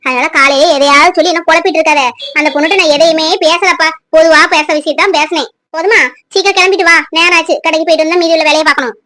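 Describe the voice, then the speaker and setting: A woman's voice: fairly even intonation, bright, forceful tone, no room sound. A woman voicing a nagging middle-aged widowed mother who scolds her grown children in a cartoon. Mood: busy, brisk. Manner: shrill, scolding, rapid-fire. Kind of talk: cartoon voice acting.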